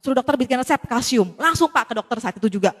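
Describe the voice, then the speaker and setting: A woman tells an audience a personal story in a quick, lively way. She acts out the dialogue and keeps speaking to her listeners directly. Her voice carries a long hall reverb. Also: on the high side. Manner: addresses the audience often. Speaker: speaker giving a testimony.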